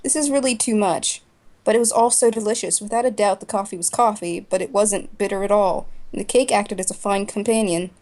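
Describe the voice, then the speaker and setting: A woman narrating a story in the first person for a voice drama, in a plain, even way. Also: mid-range voice, a little fast, few pauses. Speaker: narrator and main voice actor.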